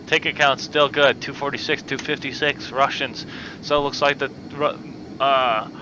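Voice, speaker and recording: Casting note: male gamer, mid-range voice, excitable play-by-play over loud battle sounds. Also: mid-range voice, moderate pace. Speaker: gaming channel host. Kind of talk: live gameplay commentary. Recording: game battle noise behind voice.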